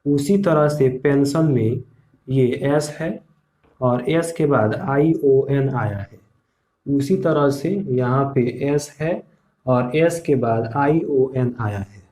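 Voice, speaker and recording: Slow-speaking man teaching a lesson. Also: medium pitch, dark tone. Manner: slow, repeats rules and asks the class questions. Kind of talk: English pronunciation lesson.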